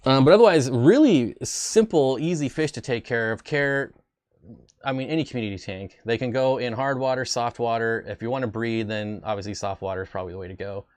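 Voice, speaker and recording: A man chats casually as host of a fish-keeping channel, wandering between topics and cracking self-deprecating jokes. His voice sits in an ordinary middle pitch. The sound is dry and close, with no room around it. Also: a little fast, darkish tone, no room sound. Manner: rambling, self-deprecating, jokey asides. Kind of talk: casual livestream chat.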